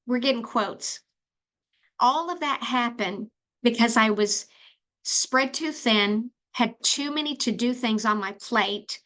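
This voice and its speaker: A woman's voice: fairly high pitch, fairly bright tone. A middle-aged woman hosting a solo podcast, telling a personal story and giving advice in a chatty way, with fillers and restarts. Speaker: podcast host.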